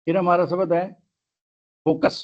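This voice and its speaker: A man's voice: high-pitched, flat delivery, unhurried, lo-fi sound. A man teaching English grammar in a lesson, spelling words out letter by letter.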